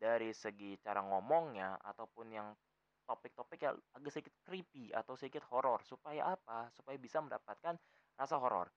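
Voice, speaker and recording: A man's voice: mid-range voice, clear, resonant tone, no room sound, lo-fi sound. A young man from Jakarta with a Betawi accent, hosting a podcast in loose, rambling casual talk full of fillers. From Jakarta, Indonesia. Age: young adult. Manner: loose, rambling, many fillers and self-corrections. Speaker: podcast host.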